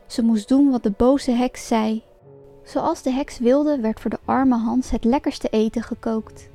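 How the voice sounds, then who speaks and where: A woman reading a fairy tale aloud as a storyteller, in a lively and expressive storybook manner. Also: on the high side, a little slow. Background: faint music.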